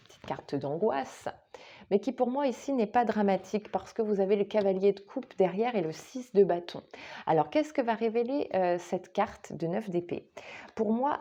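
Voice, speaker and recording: A woman's voice: mid-range voice, warm tone. A woman giving a casual monthly tarot reading, chatting straight to her viewers with frequent hesitations. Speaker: tarot reader.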